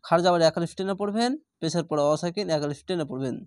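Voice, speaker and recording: A man teaching Quran reading, spelling out each syllable and then chanting the words slowly with long drawn-out vowels. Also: a little high, darkish tone, dry recording. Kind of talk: slow spelled-out recitation lesson.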